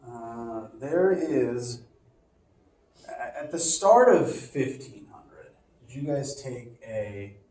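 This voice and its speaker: A mid-range male voice draws out its words as a physics professor talks casually to students, sniffly with allergies. His easygoing, talkative style is packed with fillers and restarts, and the audio comes from a phone far off in a reverberant classroom.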